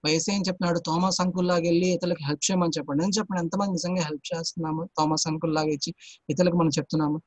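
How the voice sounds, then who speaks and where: A man's voice: a little high, little pitch movement, racing, no echo. A man teaching a Sunday school Bible lesson to children, constantly quizzing them with repeated questions.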